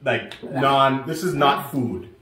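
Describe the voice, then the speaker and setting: A man hosting a casual snack review at home, playful and quick to laugh. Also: medium pitch. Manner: playful, animated, laughs often. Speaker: host of a snack review show. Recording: roomy echo.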